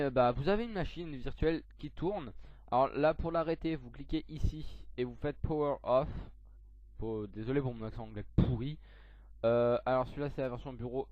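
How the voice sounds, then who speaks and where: A young man talking through a software tutorial on his computer, hesitant, with lots of fillers and self-corrections. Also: medium pitch, no echo. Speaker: tech tutorial youtuber. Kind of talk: screen-recorded software tutorial. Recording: dull lo-fi mic, dry.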